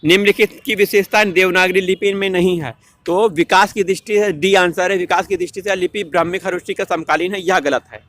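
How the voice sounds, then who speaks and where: A man's voice: sits high, fairly even intonation, brisk, hardly any pauses, fairly bright tone, dry recording. A man teaching an exam-prep lesson in a question-and-answer style, repeating answers and correcting himself mid-word.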